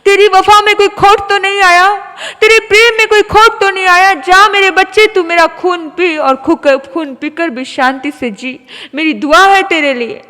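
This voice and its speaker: A woman's voice: extremely high pitch, measured pace, pushed and bright, voice pushed up, full character voice. A woman voicing a loving, forgiving mother who pleads tenderly with her grown son. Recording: long hall reverb.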